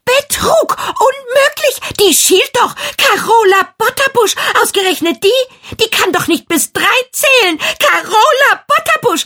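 A woman voicing a vain, spoiled young girl who rants and shouts in a shrill voice, in a read-aloud children's story. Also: heavily acted. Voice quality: shrill, squealing. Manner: indignant, ranting, shouting. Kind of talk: storybook reading.

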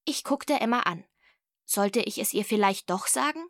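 A woman narrating a children's audiobook with lively storytelling and voices for the characters. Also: mid-range voice, normal speed, no room sound, clean studio sound.

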